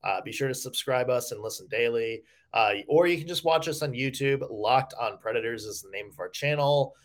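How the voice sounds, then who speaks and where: A man with a middle-pitched voice hosts a podcast in an easygoing, wry way. His delivery is relaxed and conversational. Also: brisk. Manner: easygoing, wry, hosting sign-off. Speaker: podcast host. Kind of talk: casual podcast chat.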